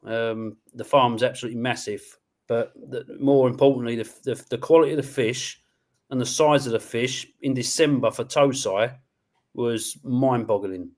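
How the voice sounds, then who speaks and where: A man hosting a live koi auction stream, chatting casually and calling out time and prices. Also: medium pitch. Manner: brisk, counts down bids loudly. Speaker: auction host.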